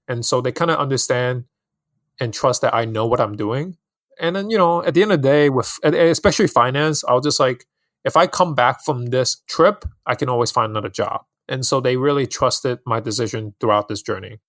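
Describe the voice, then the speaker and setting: A relaxed man from Hong Kong speaks as a podcast guest, telling his story easily and loosely, with plenty of "like" and small laughs. His voice is mid-pitched, and the recording is close and dry. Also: no echo. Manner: relaxed, lots of "like" and "you know", light laughs. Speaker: guest, style influencer. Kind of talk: casual interview storytelling.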